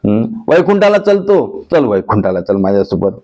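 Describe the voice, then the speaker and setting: A preacher voicing a coaxing gentle god. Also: male voice, big pitch swings, moderate pace, muffled recording. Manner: pleading, affectionate, raised pitch. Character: God Vitthal, gentle coaxing male deity. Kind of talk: acted dialogue within devotional sermon.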